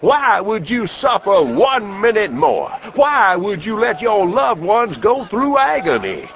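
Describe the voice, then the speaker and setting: A bombastic medicine-show huckster, acted by a man, pitched high and swooping with salesman's flourish. He declaims his folksy hard sell in audiobook style, on slightly dull, faintly noisy audio. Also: sing-song, slow, heavily acted. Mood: booming, urging. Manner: declamatory, hard-selling, crowd-working. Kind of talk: audiobook character acting.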